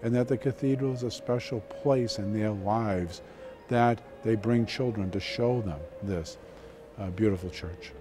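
A man's voice: on the low side, a little slow, music in the background. A man giving unscripted remarks in an interview.

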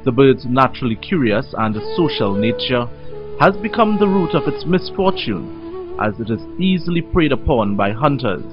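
A man's voice: medium pitch, big pitch swings, normal speed, muffled recording. A man reading scripted narration for a nature documentary. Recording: dulled sound under prominent music. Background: music.

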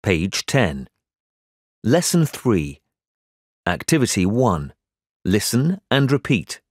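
Man, textbook audio narrator, slow measured cues, lively pitch, dry studio sound. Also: dry recording. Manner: slow, clear, measured reading. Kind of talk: announcing page and activity numbers.

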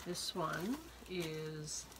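Slow, low-voiced older woman with a cold. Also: steady tone. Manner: halting, unhurried, thinking aloud. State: slightly hoarse from a cold. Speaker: art vlogger unboxing supplies. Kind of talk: casual unboxing commentary. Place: indoor home art studio, wood-beamed. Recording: noisy room, clicks and rustling.

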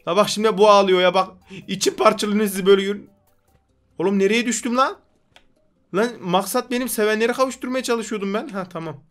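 A man's voice: high-pitched, steady tone, fast talker, fairly bright tone, faint music behind. A young man giving rowdy, joking gameplay commentary, scolding the game characters in a put-on comic street manner. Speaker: gaming YouTuber.

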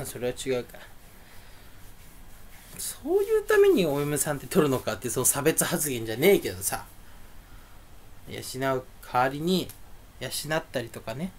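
A young man rambling alone to his audience, grumbling and ranting with sudden loud bursts. His pitch leaps around in a lively, animated way, and his voice has a naturally angry edge. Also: a little slow, pauses often, slight background noise. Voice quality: voice sounds angry even when not. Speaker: streamer. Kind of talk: solo rambling monologue.

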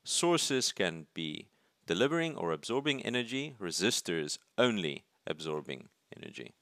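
A man's voice: sits low, very animated, moderate pace, vocal fry, a bit bright, no room sound. A male university lecturer explaining circuit drawings at his desk. He thinks aloud, restarts words and keeps checking in with "right?". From South Africa. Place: at a desk, filming paper from above.

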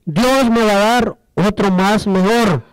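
Man giving a church testimony, high voice, smooth resonant tone, dry close sound, storytelling with rhetorical questions. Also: slow pace, dry recording, low-quality recording. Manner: storytelling, acts out dialogue, asks the audience rhetorical questions.

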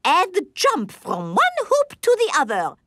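A woman's voice: very high-pitched, huge pitch swings, measured pace, heavy background noise, full character voice. A woman voicing a kind, encouraging female gazelle who teaches a playgroup in a cartoon. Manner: gently instructive.

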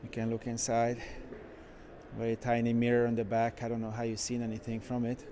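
A man who runs a car shop, walking through a car museum and giving casual, enthusiastic commentary with frequent pauses. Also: medium pitch, monotone, warm tone, a little hiss or hum. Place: indoor car museum halls.

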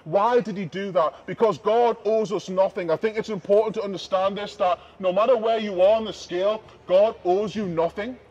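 A man preaching in the open air on a city street, emphatic and repetitive, swinging between loud declarations and hushed asides. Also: high voice, steady tone, moderate pace, few pauses, muffled recording. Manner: emphatic, repeats key phrases, shifts between loud and hushed.

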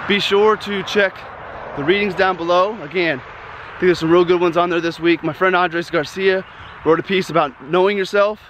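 A man's voice: fairly high pitch, a bit bright. A man casually vlogging about finance while walking outdoors, slightly winded and rambling with fillers. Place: outdoors on a walk. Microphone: phone held in hand. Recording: outdoor street noise.

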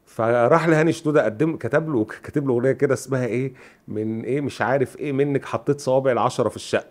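A man's voice: medium pitch, rapid-fire, a little mellow. A man with an Egyptian Arabic accent, co-hosting a podcast and retelling music history in casual chat, acting out quoted dialogue. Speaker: podcast co-host.

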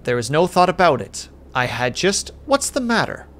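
A man's voice: a little high, very animated, normal speed, fairly bright tone, slight background noise, pitched above the performer's own voice. A man reading aloud and voicing a stubborn elderly father who speaks plainly and insistently.

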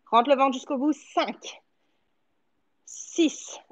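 High-pitched woman coaching a workout. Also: fairly even intonation, drawn-out words, low-quality recording. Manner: short encouraging commands, cueing while exercising. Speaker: fitness coach. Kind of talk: instructing a home workout, counting repetitions. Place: living-room home studio, indoors.

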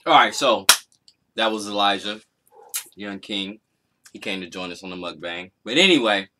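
A man's voice: fairly low pitch, normal speed, very noisy. A man chatting casually and playfully in slang as he hosts a home vlog. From Arkansas, United States. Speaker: mukbang vlog host. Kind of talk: casual chat. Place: small indoor room at home.

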